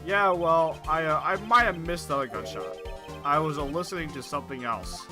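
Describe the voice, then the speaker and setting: A man's voice: on the high side, brisk, close to an everyday voice. Brash young slacker witness, defensive and whiny, read by a man over game music. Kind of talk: reading a game's dialogue aloud.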